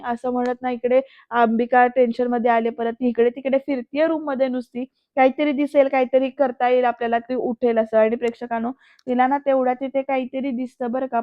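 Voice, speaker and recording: A woman with a high voice that stays flat in pitch chats through a TV episode, turning to her viewers again and again. The sound is dry and a touch dull, like a lo-fi home recording. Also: no echo. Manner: chatty, addresses viewers directly. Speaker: serial episode reviewer. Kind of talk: retelling a TV episode.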